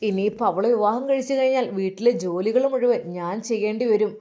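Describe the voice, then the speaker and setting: A woman's voice: mid-range voice, brisk, mellow, lightly acted. A woman voicing a jealous older housemaid who scolds and mocks. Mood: scornful. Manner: scolding, mocking. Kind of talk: storytelling voice acting.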